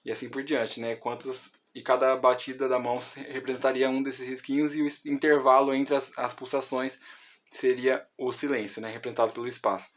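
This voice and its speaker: A man's voice: mid-range voice, flat delivery, fairly quick. Brazilian guy walking through a music theory lesson, lots of fillers, starts over a lot. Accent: Brazilian Portuguese. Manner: explanatory, many fillers and restarts.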